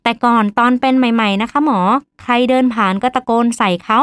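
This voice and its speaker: A woman's voice: fairly high pitch, steady tone, a little fast, clear, resonant tone, no echo, lightly acted. A woman voicing a weary older aunt who cares for her sick husband and talks in a chatty, complaining way.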